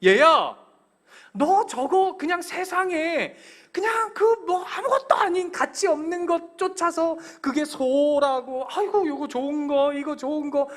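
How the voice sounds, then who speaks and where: A high, bright, emphatic voice of God speaking like a father to his child, put on by a male preacher. He pleads, lifting and dropping his pitch widely. The tone stays tender but urgent. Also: animated, measured pace, exaggerated voice. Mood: pleading.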